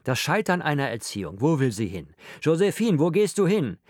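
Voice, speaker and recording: A man voicing an agitated, blustering father who scolds loudly and indignantly in an audiobook. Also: medium pitch, big pitch swings, fairly quick, no room sound, clean studio sound, natural voice.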